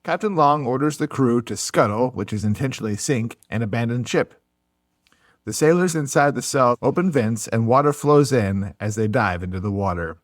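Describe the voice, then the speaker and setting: A man's voice: mid-range voice, animated, normal speed, no room sound, studio quality. A man co-hosting a casual podcast, narrating a history story and breaking into jokes and laughter. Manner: laughs often, jokey asides.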